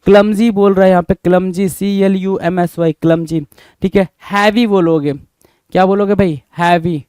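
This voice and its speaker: A man's voice: high-pitched, fairly even intonation, normal speed, a little mellow, clear, resonant tone, no echo. A young man teaching English vocabulary for exams, spelling words out letter by letter and asking and answering his own questions. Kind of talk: exam-prep vocabulary lesson.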